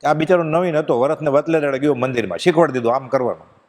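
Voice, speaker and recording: A man giving a devotional discourse to a gathering, telling stories with feeling and reciting verses slowly. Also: on the high side, darkish tone. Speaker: spiritual discourse speaker. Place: pilgrimage satsang gathering. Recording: long hall reverb.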